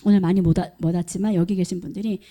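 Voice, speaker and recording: A woman's voice: on the low side, steady tone, rapid-fire, mellow. A middle-aged woman pastor preaching a sermon at a prayer meeting, emphatic and questioning the congregation. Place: church hall.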